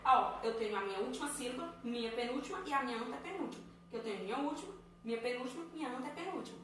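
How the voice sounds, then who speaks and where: A woman's voice: on the high side, expressive, very fast. A woman teacher with a Brazilian Portuguese accent, explaining a review lesson step by step and answering her own questions. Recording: echoey room, faint ambient noise.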